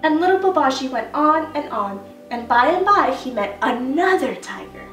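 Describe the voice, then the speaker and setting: A woman teacher reads a children's story aloud in a gentle, expressive voice that sits high. Her voice bounces around an echoey room and sounds set back from the mic. Soft music plays faintly underneath. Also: normal speed, far from the mic.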